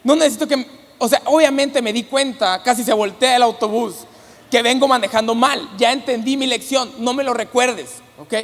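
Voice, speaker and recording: A man's voice: very high-pitched, normal speed. A man with a Mexican accent preaching a sermon, telling a funny story about himself and building up to fervent preaching. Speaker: pastor. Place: church sanctuary. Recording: long church hall reverb.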